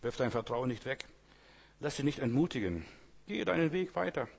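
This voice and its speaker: A man's voice: medium pitch, animated, normal speed, vocal fry, slightly rough. A man preaching a sermon in a conversational way, often asking his listeners whether they follow and repeating his exhortations. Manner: conversational, keeps asking the audience "weißt du"; repetitive exhortation, rising loud on key phrases.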